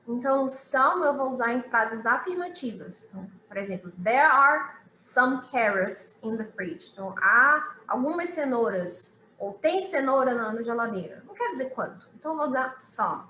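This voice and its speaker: A woman teaching a live online English lesson, explaining slowly, repeating example sentences and checking in with "ok?". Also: sits high, animated, bright, forceful tone, echoey room, a little hiss or hum, low-quality recording.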